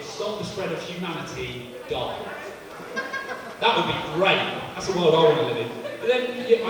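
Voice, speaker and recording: Sardonic young man doing stand-up. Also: a little high. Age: 20s. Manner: sardonic, rambling, bursts into shouting. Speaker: stand-up comedian. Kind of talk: live stand-up set. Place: live comedy venue. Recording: echoey hall from far off, crowd.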